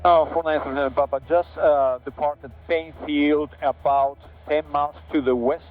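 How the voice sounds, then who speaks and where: A man acting as a private pilot, talking over the aircraft radio to air traffic control in halting calls with fillers. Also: on the high side, fairly even intonation. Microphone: aviation headset. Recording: tinny cockpit headset audio with faint music.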